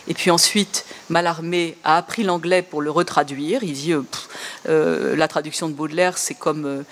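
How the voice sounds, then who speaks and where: A woman's voice: on the low side, a little hiss or hum. A woman speaking as an interview guest, talking in a hesitant way with many fillers and restarts, and laughing at her own readings. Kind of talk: conversational interview talk.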